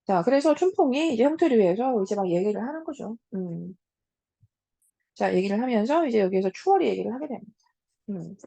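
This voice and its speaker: Mellow, gravelly woman teacher. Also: medium pitch, animated, brisk, no echo. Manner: casual, talks to students as 얘들아 with frequent hums. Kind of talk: lecture on classic literature.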